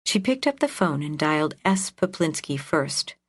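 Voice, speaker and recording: Woman narrating an audiobook in a low voice. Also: breathy edge, no room sound, studio quality. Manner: even, measured storytelling. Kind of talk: scripted narration.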